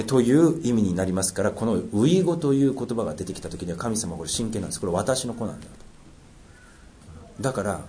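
A man preaching a sermon, reading scripture aloud and dropping into low, quiet asides between passages. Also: a little hiss or hum. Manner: swings between raised reading and low asides, jokes lightly. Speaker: pastor.

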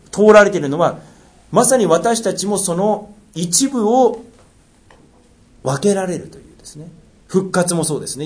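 A man preaching a sermon, reading scripture aloud and dropping into low, quiet asides between passages. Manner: swings between raised reading and low asides, jokes lightly. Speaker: pastor.

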